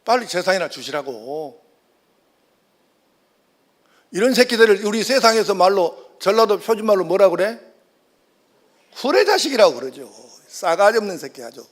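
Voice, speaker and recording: Blunt pastor preaching, high voice. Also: male voice. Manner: colloquial, blunt, questions the congregation directly. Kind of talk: sermon.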